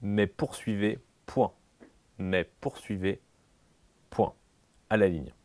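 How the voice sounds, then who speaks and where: A man playing an examiner in a comic dictation sketch, slow and solemn, repeating every phrase and speaking out the punctuation. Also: fairly low pitch, a little mellow, dry recording.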